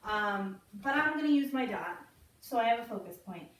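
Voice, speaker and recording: A woman teaching a children's ballet class, slowly naming and counting the steps as she demonstrates them. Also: fairly high pitch, expressive, a bit bright. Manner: slow, encouraging, counts and names steps while demonstrating. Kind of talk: online kids' ballet class instruction. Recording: roomy, from a distance, faint noise.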